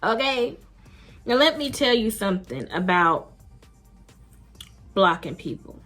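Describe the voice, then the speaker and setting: A woman's voice: mid-range voice, sing-song, a little slow, a bit bright, faint music behind. A woman vlogger telling a dating story in a blunt, emphatic, slangy way, casually talking to her viewers.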